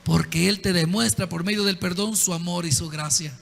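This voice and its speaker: A pastor preaching a sermon in a conversational way, often putting direct questions to the congregation. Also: male voice, high-pitched, normal speed, gravelly, fairly bright tone, big-room sound. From El Salvador. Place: church.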